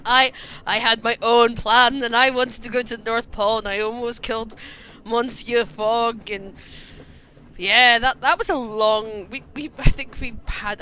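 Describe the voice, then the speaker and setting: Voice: mid-range voice, bright, forceful tone, a little hiss or hum, poor audio. A streamer on a live broadcast, reading the text of a story game aloud and breaking off to chat with viewers about which option to pick.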